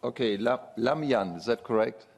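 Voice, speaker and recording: A man's voice: fairly low pitch, darkish tone. Man chairing a debate in a hall. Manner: slow, halting. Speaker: session chair. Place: conference hall. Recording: long reverb of a hall.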